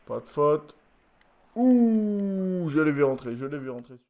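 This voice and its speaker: A tired man commentating his own football video game match, swinging from low muttering to shouted goal calls. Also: fairly even intonation, a little fast, highs cut off. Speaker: gaming YouTuber. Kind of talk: live gameplay commentary.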